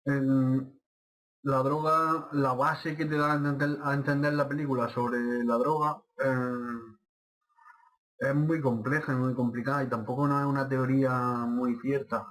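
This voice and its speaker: A man with a medium-pitched voice speaks as a guest on a casual radio show. He explains his views in a plain, unhurried way, with a few short fillers along the way. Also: little pitch movement, fairly bright tone, low-quality recording. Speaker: radio guest, film commentator.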